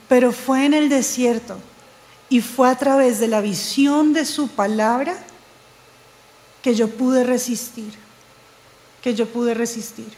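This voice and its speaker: A woman preaching a sermon, telling a personal testimony in an animated way. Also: high voice, big-room sound, low-quality recording. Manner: animated storytelling, quoting others, laughing at herself.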